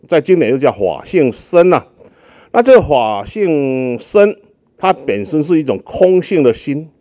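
Man explaining in a lively, dark voice. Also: mid-range voice, no echo, studio quality. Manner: gentle teaching tone with frequent drawn-out fillers. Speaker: abbot. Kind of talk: explaining Buddhist practice in an interview.

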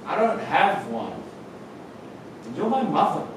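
With a full character voice, the actor playing Adam in this theatre-stage reading speaks high and slow, his pitch swinging hugely. Adam, an anxious, joking young man, teases his mother wryly before becoming alarmed and shouting. The noisy audio echoes through the hall, picked up from a distance by a camera with no visible mic.

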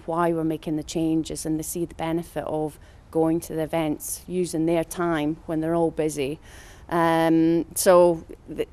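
Earnest woman with a low, dark voice. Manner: earnest, with fillers and repeated words. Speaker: monitor farm facilitator. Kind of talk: interview answers. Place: outdoors on a farm.

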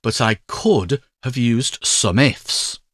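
A man talking through a spreadsheet tutorial in a measured, step-by-step way. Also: mid-range voice, a bit bright, dry recording, clean studio sound. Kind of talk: screen-recorded tutorial narration.

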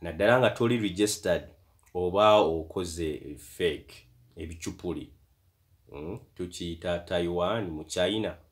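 Low-voiced Ugandan man retelling a book. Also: measured pace. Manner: lively, chatty retelling with asides. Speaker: storyteller and translator. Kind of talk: retelling a book in English and Luganda.

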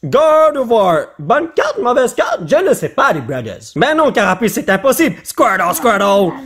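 An adult father with a Quebec French accent speaks at a normal speed in a high, slightly husky voice. He offers casual commentary while opening card packs, getting excited, cracking jokes, and dropping in English slang.

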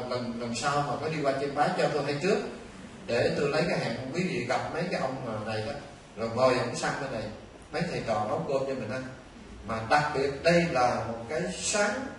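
An older Vietnamese man, a Buddhist monk, giving an animated storytelling dharma talk to a temple audience. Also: on the high side. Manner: animated, conversational, addresses listeners often. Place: temple hall. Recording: echoey distant hall recording with faint noise.

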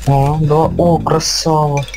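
A young man chatting as a teammate in an online game, in a loud, slangy manner. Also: a little high, flat delivery, slow. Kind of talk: casual gaming chat. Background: music, game sound.

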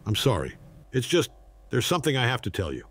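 Deadpan superhero dad pushing sponsors, a guy doing the voice, swings low and high, dry sound. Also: fast, dry recording. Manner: deadpan, grave ad-reads. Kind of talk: parody skit voice acting.

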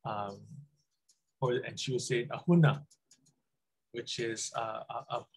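A middle-aged Hawaiian man, the guest speaker, takes it slowly as he rambles casually over a webcam call from a small indoor room, with plenty of ums and restarts. His mid-range voice stays fairly even in intonation. The recording is rough, with slight background noise.

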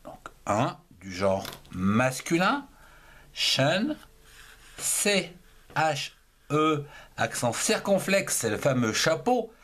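Slow, lively French man spelling letters. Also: a little high. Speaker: handwriting teacher. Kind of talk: slow spelling-out handwriting lesson.

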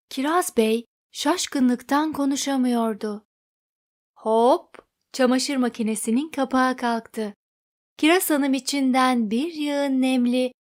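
A woman narrating a children's storybook in an expressive read-aloud manner. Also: fairly high pitch.

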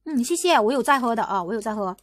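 A young woman from Guangdong holds forth on her livestream in quick, tumbling bursts. She argues insistently, restarting sentences and hammering the same rhetorical questions again and again. Her voice sits high, and the close, dry sound leaves no room echo. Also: expressive. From Guangdong, China. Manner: rapid, repetitive, argumentative, lots of restarts and rhetorical questions. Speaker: livestream host. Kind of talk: casual livestream commentary.

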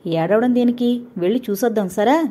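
A woman doing a gentle young husband. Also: fairly high pitch, normal speed, natural voice.

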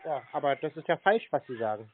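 Over a tinny phone line with faint noise, a prankster confronts phone scammers in an argumentative call. His mid-range voice is animated and quick, with a breathy edge, and he is blunt, insulting and insistent with the person on the other end.

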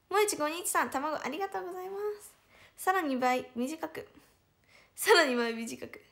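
High-voiced young woman with a Hiroshima accent. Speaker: idol livestreamer. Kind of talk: casual livestream chat reading viewer comments.

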